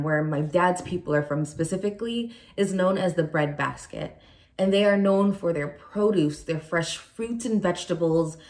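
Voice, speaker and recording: A young adult woman from Nigeria who was raised in California serves as a youth pastor, delivering an earnest chapel sermon with prayer and personal stories. Her voice is on the low side.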